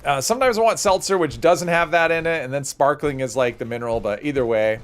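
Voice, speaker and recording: A man's voice: fairly high pitch, fast talker. A man hosting a livestream, casually thinking aloud as he plays and rambling off into conversational asides. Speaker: livestream host.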